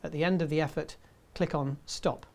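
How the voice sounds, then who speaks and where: A man in his fifties presenting a scripted tutorial in a measured, step-by-step way. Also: a little high, fairly even intonation, creaky. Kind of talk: scripted instructional narration.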